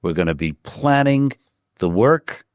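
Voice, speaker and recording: A man hosting a podcast interview, talking in emphatic, drawn-out declarations. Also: fairly low pitch, expressive, no room sound, studio quality. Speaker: podcast host.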